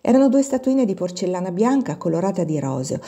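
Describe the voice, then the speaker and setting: A woman reads a classic novel aloud, measured and expressive. Her voice is fairly low and mellow, with a soft husk to it. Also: slightly rough. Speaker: audiobook reader. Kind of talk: literary narration.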